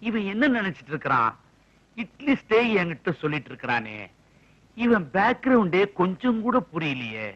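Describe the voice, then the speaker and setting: An actor playing a blustering, suspicious police officer in a comedy film scene who mutters sarcastic asides. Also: male voice, high voice, big pitch swings, normal speed, fairly bright tone, heavily acted. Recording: dull old film audio with faint hiss.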